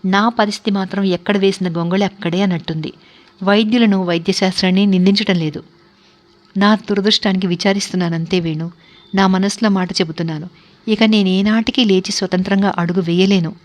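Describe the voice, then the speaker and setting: A woman voicing a composed young wife who is unable to walk, speaking in a calm, resigned and earnest way in a read-aloud story. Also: mid-range voice, brisk, lightly acted. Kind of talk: audiobook character reading.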